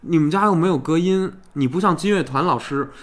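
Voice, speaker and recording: A man with a Beijing accent telling stories in casual chat, colloquial, earthy and animated, like a talk show host. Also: fairly high pitch, brisk. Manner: colloquial, crude and animated storytelling with swearing. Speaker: podcast host.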